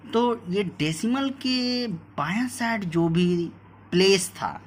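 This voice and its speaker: A man teaching a maths lesson, explaining step by step, repeating points and reading numbers out slowly. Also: fairly high pitch, slight background noise. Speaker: math teacher. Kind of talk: whiteboard lesson.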